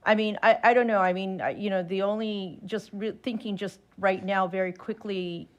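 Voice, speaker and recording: A woman's voice: medium pitch, steady tone, normal speed, dull audio. A woman commissioner thinking aloud in a public meeting debate over a video call, hesitant and full of fillers. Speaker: redistricting commissioner.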